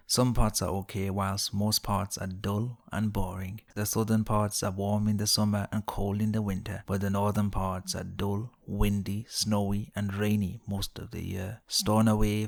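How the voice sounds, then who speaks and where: A man's voice: fairly low pitch, vocal fry, darkish tone. A man narrating a scripted list video in a mocking, sarcastic manner.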